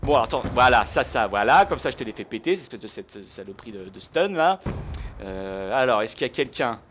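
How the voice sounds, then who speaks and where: A young man giving casual gameplay commentary, chatting to viewers and bursting into angry shouts when he loses. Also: medium pitch, brisk, slight background noise. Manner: excitable, bursts into rage shouts. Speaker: gaming YouTuber.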